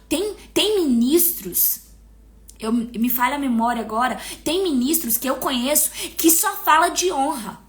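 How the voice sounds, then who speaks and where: A woman with a Brazilian accent giving an emotional devotional teaching, stressing key words by slowing down. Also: high-pitched, fairly bright tone. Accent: Brazilian Portuguese.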